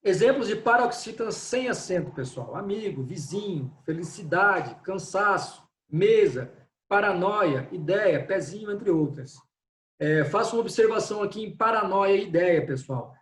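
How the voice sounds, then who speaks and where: A man's voice: high-pitched, lively intonation, moderate pace, fairly bright tone. Guy teaching an online class, keeps asking "right?", kinda far from the mic, roomy echo. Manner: explanatory, repeats "né?" and "pessoal". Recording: echoey room, distant from mic.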